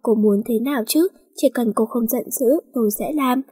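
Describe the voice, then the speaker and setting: A woman's voice: a little high, normal speed, mellow, breathy edge. A woman voicing a remorseful young man who pleads earnestly for forgiveness. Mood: pleading.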